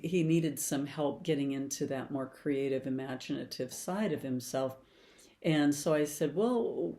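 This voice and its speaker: A woman's voice: very deep voice, dark tone. An older woman, a past life regression therapist, explaining in a conversational, storytelling way. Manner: conversational, storytelling with client anecdotes. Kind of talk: explanatory talk.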